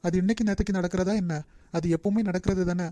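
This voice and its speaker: A woman voicing a quiet, withdrawn young man in a cartoon, with a Nagercoil Tamil accent and a curt, reserved manner. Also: on the low side, steady tone, fast talker, no room sound, natural voice. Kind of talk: cartoon voice acting.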